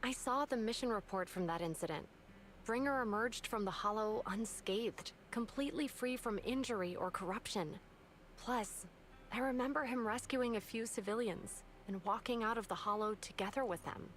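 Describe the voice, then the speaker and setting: A woman's voice: a little high, moderate pace, a bit bright, a little hiss or hum, lightly acted. A woman voicing a composed female investigator. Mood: determined.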